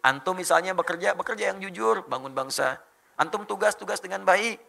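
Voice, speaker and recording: A man's voice: high-pitched, a little fast, vocal fry, pushed and bright. A male Islamic preacher giving a rousing religious lecture to an audience, exhorting his listeners and mixing in joking asides.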